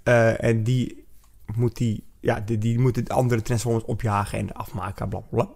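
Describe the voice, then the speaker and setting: A man's voice: on the low side, flat delivery, moderate pace, vocal fry, darkish tone. A man hosting a casual podcast in speech, telling stories in a rambling way, restarting sentences and acting out quotes. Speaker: podcast host.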